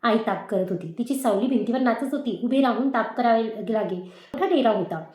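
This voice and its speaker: A woman teacher reading a moral story aloud in a measured, expressive manner. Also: fairly high pitch. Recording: echoey room.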